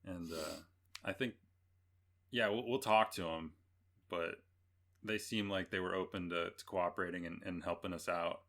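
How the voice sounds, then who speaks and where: A man's voice: sits low, steady tone, normal speed, long pauses, fairly bright tone. A man co-hosting a podcast in easygoing casual chat, wry and hesitant with fillers. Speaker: podcast co-host.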